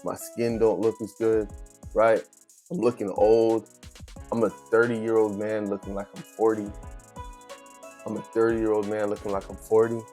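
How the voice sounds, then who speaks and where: Pausing often at a moderate pace, the vlogger speaks in a lowish, mellow, flat voice over soft background music. He is in his thirties, giving an improvised motivational monologue full of street slang, addressed straight to the listener with phrases repeated to make them stick.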